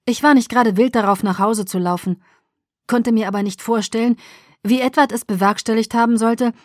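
A woman reading a first-person story aloud as an audiobook narrator, with even, measured storytelling. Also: medium pitch, no room sound, studio quality.

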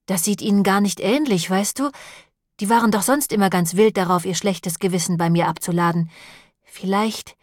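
A woman's voice: mid-range voice, normal speed, no room sound, studio quality, lightly acted. A woman reading the lines of a nervous, whining priest in an audiobook, plaintive and fretful in tone. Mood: agitated. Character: nervous, whining long-nosed priest man.

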